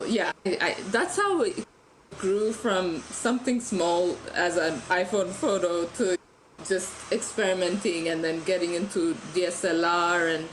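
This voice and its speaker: A woman from Ethiopia, in her thirties, speaking as a guest on a podcast, chatty and quick to laugh, with frequent restarts. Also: fairly low pitch, a little hiss or hum, low-quality recording. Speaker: guest photographer. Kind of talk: casual podcast interview.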